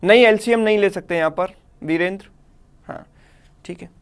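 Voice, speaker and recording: A man's voice: high voice, moderate pace, clear, resonant tone. A man teaching a live online math class in Hindi mixed with English in an Indian accent, explaining step by step and checking in with students.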